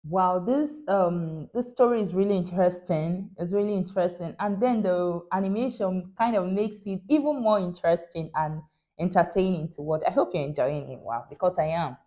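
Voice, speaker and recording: A woman's voice: lowish voice, moderate pace, muffled recording, noisy background. A woman host giving casual reaction commentary, thinking aloud and hesitating with many fillers.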